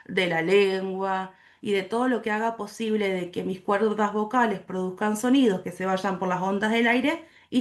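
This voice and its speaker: A woman, a teacher giving an online class lecture, explaining slowly and asking the class questions, on a video call. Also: medium pitch.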